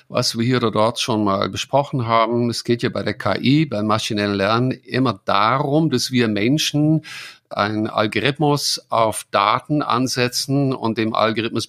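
Dutch-accented man explaining slowly. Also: medium pitch, fairly bright tone. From Netherlands. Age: middle-aged. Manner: thoughtful, halting, many fillers. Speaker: guest expert. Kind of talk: casual explanatory chat.

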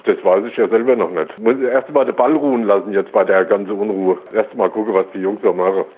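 A man on a landline phone call, relaxed and playing along with the caller. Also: fairly low pitch, fast, breathy edge. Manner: relaxed, plays along with the bit. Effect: over a landline phone. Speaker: prank call target. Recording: tinny phone line.

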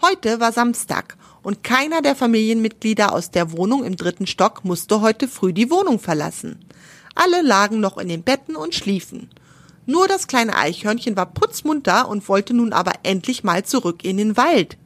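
A woman's voice: a little high, very animated, moderate pace, no echo. A woman narrating a children's animal story, stopping to explain words to young listeners.

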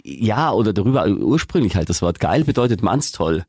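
Chatty husky-voiced man. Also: lowish voice, big pitch swings, normal speed, darkish tone, no room sound, clean studio sound. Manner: chatty, trailing off with fillers. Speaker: podcast host. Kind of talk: casual chat.

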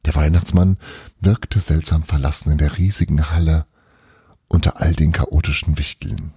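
A man reading a children's Christmas story aloud as a podcast storyteller, in a calm, lively read-aloud manner. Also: a bass voice, normal speed, husky, no echo, clean studio sound. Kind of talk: scripted storybook narration.

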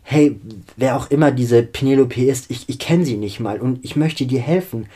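Man reading a gentle, soothing female vampire. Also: mid-range voice, normal speed, breathy edge, close to an everyday voice. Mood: coaxing. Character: kind, calm young female vampire.

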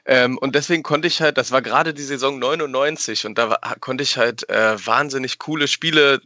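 A man's voice: mid-range voice, a little fast, pushed and bright, no echo. Man from Berlin, podcast guest, rambling, lo-fi sound. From Berlin, Germany. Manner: rambling, many fillers. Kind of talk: casual chat. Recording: dull, lo-fi dry sound.

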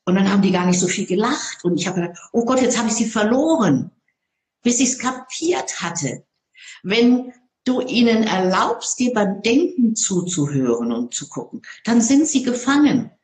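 Animated woman speaker in an echoey room. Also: mid-range voice, moderate pace. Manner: lively, expressive storytelling. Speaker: public speaker. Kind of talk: interview conversation.

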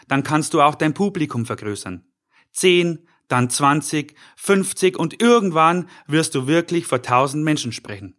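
Male podcast coach, fairly high voice, calm and encouraging, scripted address to the listener. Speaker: podcast host and personality coach. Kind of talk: scripted self-help podcast monologue.

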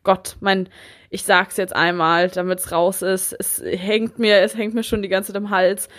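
A woman's voice: mid-range voice, unhurried. A young adult woman chatting casually and humorously as a podcast host, telling stories in German peppered with English words. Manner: animated storytelling, mixes in English words.

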